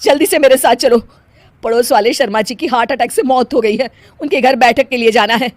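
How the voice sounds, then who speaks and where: A woman's voice: on the high side, a little fast, dry recording, voice pushed up, lightly acted. A woman voicing a strict middle-aged mother-in-law who scolds a lot. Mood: scolding. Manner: bossy, scolding.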